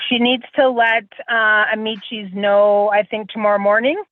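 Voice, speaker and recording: A woman's voice: medium pitch, fairly even intonation, normal speed, no room sound. A woman councilor calling into a meeting by phone from her car, speaking plainly over a phone line that keeps breaking up. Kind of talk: casual meeting talk. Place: in a parked car. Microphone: phone call.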